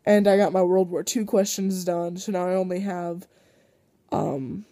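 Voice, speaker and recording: A sick teenage girl talks through her day in a slow, rambling way, full of ums and restarts. Her voice is mellow and a little stuffy from congestion. The sound is dry and close, with no room echo. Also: lowish voice, fairly even intonation. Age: teens. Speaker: vlogger. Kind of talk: casual daily vlog.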